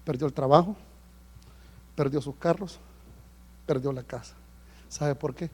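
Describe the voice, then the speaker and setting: A man preaching a sermon as pastor, telling stories with sudden swings from hushed to loud. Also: fairly high pitch, measured pace, husky. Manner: animated storytelling, swinging between hushed and loud. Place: church service.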